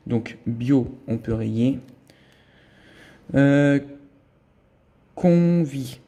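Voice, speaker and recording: A man's voice: medium pitch, fairly even intonation, a little slow, vocal fry, dark tone. A man giving a casual running commentary as he scratches lottery tickets, thinking aloud as he checks each symbol and letter. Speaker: scratch-card vlogger.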